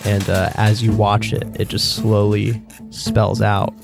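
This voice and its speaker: A man improvising tabletop game narration as game master, haltingly searching for his words. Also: lowish voice, level tone, gravelly. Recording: loud plucked guitar music behind.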